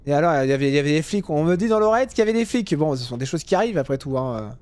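Casting: young gamer, slightly high voice, joking commentary with sudden outbursts. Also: male voice, animated, racing, clean tone, no echo. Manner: chatty, jokey, swings to loud yelling at drivers. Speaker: gaming youtuber. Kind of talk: casual gameplay commentary.

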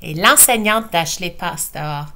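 A woman's voice: lowish voice, animated, a little slow, bright, forceful tone. A woman teacher with a Quebec French accent, reading a picture book aloud expressively and drawing out repeated phrases.

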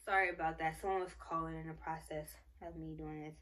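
A woman's voice: low-pitched, steady tone, quick pace, fairly bright tone. Gushing young woman, rambling vlog. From Michigan, United States. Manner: gushing, rambling, many fillers. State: pregnant, briefly out of breath. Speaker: vlogger. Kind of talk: casual baby haul show-and-tell.

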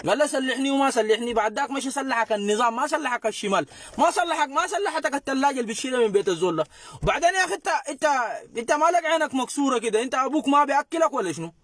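A man's voice: very high voice, animated, racing, a bit bright, dry recording. A man with a Sudanese accent hosting a casual commentary, mocking and sarcastic as he reacts to clips. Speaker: host reacting to videos.

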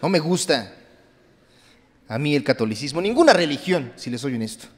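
A young Mexican man doing stand-up with a handheld mic on a theater stage, dropping to low asides and then bursting into loud mock outbursts. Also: big pitch swings, moderate pace. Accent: Mexican Spanish. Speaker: stand-up comedian. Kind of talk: stand-up comedy set. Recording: theater with long reverb.

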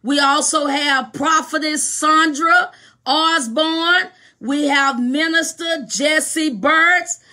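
A woman hosting a live radio podcast over her phone, greeting viewers by name with lively, repetitive excitement. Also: high-pitched, takes it slowly.

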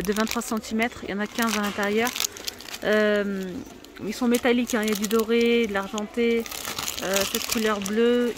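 A woman's voice: on the high side, background noise. Chatty woman showing off store finds. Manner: chatty and enthusiastic, with many hesitations. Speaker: shopping vlogger. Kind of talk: casual store walkthrough. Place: inside a large discount store.

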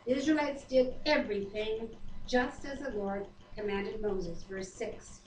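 A talkative middle-aged woman, easily amused and self-deprecating, co-leads prayer and Bible reading while chatting casually in a wood-paneled home dining room. Her voice is slightly high, and the home video, shot from a distant camera, sounds spacious.

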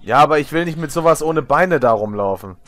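A young man chatting casually while gaming, loud and excitable, often shouting and swearing. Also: fairly high pitch, brisk, slight background noise. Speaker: gamer, channel host.

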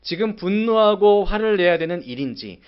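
A man preaching a sermon as pastor, acting out a prophet's angry, sarcastic complaints in sudden loud bursts. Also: high-pitched, animated, normal speed, highs cut off. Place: church sanctuary.

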